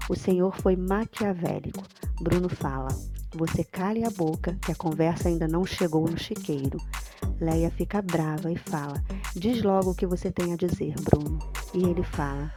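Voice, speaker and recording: A woman with a Brazilian Portuguese accent giving a scripted soap opera recap, reading the characters' quoted lines aloud in a plain narrating voice. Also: lowish voice. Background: background music.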